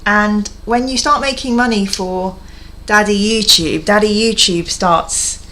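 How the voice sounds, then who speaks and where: A woman's voice: mid-range voice, a little slow, sharp tone, a little hiss or hum. A woman hosting her channel on a livestream headset mic, chatting casually and greeting viewers. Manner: chatty, greets viewers and reads chat aloud. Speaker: YouTube channel host.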